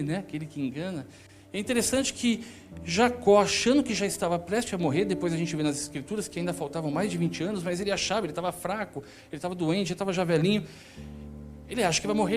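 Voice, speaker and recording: A man with a Brazilian Portuguese accent preaching a sermon in church, telling the story and acting out the characters' lines. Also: high voice.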